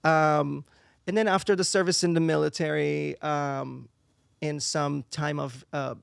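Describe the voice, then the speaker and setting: Man, Israeli accent, native Hebrew speaker, young adult, gravelly, smooth resonant tone, fillers and word searching, dry close sound. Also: fairly high pitch, fairly even intonation, unhurried, no room sound. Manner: searches for English words, many fillers. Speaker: guest, singer and performer. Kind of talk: casual interview chat.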